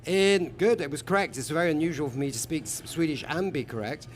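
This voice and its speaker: A jovial man hosting a live panel broadcast, introducing guests with chatty asides. His voice sits a little higher than most men's. Faint ambient noise hums behind him. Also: quick pace. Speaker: host. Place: lives in Berlin.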